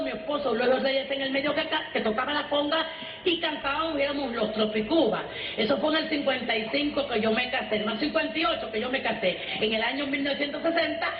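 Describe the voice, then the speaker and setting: A Cuban woman from Santiago de Cuba, a singer telling her own life story in a folksy, emphatic way, calling her listeners brothers. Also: high-pitched. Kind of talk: first-person life storytelling. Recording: roomy, dull archival recording with music.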